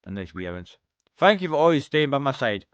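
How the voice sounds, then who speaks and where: A Scottish man streams himself playing a game and reads each character's dialogue out loud, nudging his pitch up and down from part to part. He moves through the text at a quick clip, in a mid-pitched voice. The sound is dry and close, with no room around it. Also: very animated, clear, resonant tone, dry recording, lo-fi sound. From Scotland. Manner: reads every character's lines, shifting pitch between parts. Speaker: let's-play streamer. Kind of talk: reading game dialogue aloud.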